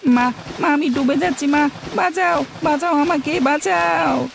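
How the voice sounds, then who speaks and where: A woman's voice: a little high, fairly even intonation, unhurried, background noise. A woman voicing a rich family's young son who speaks in an earnest, childlike way. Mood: panicked. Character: rich man's young son, spoiled but kind.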